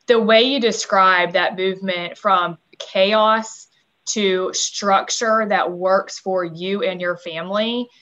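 A woman's voice: medium pitch, muffled recording. A woman hosting a parenting podcast, affirming her guest with lots of fillers. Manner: warm, affirming interviewer with many fillers. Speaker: podcast host. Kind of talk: casual interview talk.

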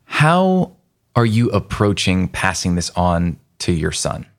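A man's voice: deep voice, sing-song, slow. A man with a nasal voice, hosting an interview, asking curious questions and adding his own voice-over narration. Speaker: podcast host, interviewer.

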